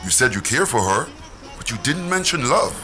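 A man's voice: mid-range voice, very animated, normal speed, bright, forceful tone, soft background music. An actor playing a middle-aged father in a domestic drama, stern and protective of his grown daughter. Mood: stern, probing.

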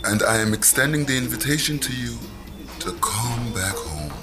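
A man acts as a middle-aged father in a family drama, stern and protective. His mid-pitched delivery rises and falls a lot, and music plays clearly behind him. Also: lively intonation, normal speed, natural voice. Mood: apologetic, earnest. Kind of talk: domestic drama acting.

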